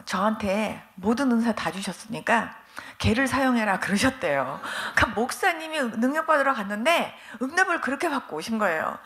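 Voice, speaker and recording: High-voiced woman pastor telling stories. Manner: animated storytelling, acting out quoted voices. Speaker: guest pastor. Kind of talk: testimony sermon. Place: church revival meeting.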